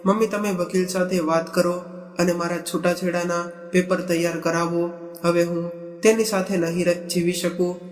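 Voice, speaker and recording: Guy reading a stubborn young wife, high flat voice, echoey w/ faint music. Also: normal speed, close to an everyday voice. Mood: defiant. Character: headstrong young wife, angry and proud.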